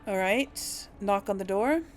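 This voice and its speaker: Her mid-range voice moves a little slowly, with a faint hiss or hum in the audio. She's a let's play host role-playing a character, casually commenting on the game while chatting and thinking out loud.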